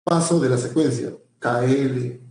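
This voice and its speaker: A man's voice: medium pitch, a little slow, a little mellow, roomy sound. A male teacher giving a pre-university language lecture, often repeating himself and checking in with his students.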